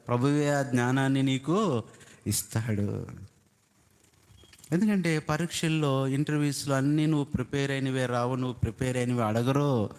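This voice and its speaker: A man with a Telugu accent preaching a sermon as pastor, asking the congregation questions and rising to emphatic high-pitched shouts. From India. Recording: long hall reverb.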